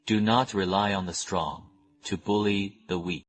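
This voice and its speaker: Deep, composed Taoist master. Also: male voice, steady tone, a little slow. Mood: calm, measured. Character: calm, unhurried male Taoist master. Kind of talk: anime dub.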